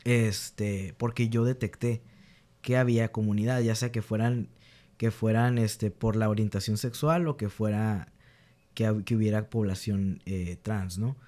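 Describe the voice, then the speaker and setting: A man's voice: on the low side, steady tone, measured pace, warm tone. A young man, a teacher being interviewed, earnestly telling stories about his students and acting out their exchanges, with frequent restarts. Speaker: guest, teacher. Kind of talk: candid interview storytelling.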